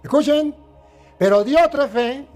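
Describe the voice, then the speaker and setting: A priest with a Venezuelan accent preaching a sermon, telling a story with acted-out voices and pressing questions on the congregation. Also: male voice, very high voice, slow pace, a little mellow. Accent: Venezuelan Spanish.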